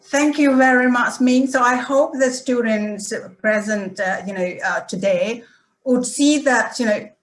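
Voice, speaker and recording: A woman moderating an online student panel, speaking haltingly with many fillers and restarts over a video call. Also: fairly high pitch. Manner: halting, strings of "you know" and restarts. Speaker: webinar host. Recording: roomy echo.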